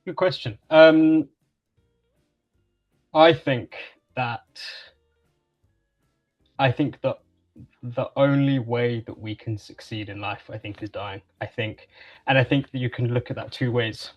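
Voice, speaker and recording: A man's voice: medium pitch, steady tone, slow, pauses often, muffled recording, soft background music. A young man from England, a guest on a call-in interview, talking casually with many fillers and restarts. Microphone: video call.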